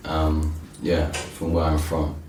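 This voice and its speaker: A man with a low voice and a southwest English accent chats casually, pronouncing th as f. He is hesitant and agreeable. The recording is roomy and echoing, with him some way from the mic. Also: level tone, takes it slowly, darkish tone. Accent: southwest English, Cornwall. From Cornwall, southwest England. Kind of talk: casual chat. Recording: roomy echo, distant mic, faint noise.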